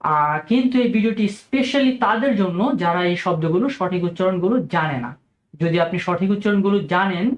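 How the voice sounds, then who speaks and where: A man from Bangladesh, teaching English pronunciation in a video lesson and repeating each example word slowly and deliberately. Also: sits high, muffled recording. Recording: echoey room.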